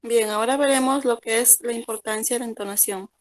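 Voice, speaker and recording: A woman student reading her part of a class presentation in a careful, even way. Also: fairly high pitch, brisk.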